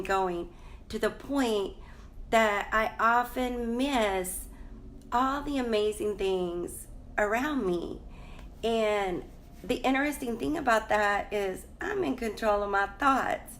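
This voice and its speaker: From a hotel room, a woman life coach rambles chattily in a live stream, greeting viewers by name. She sounds congested and coughs slightly, and her mid-range voice has a fairly bright tone.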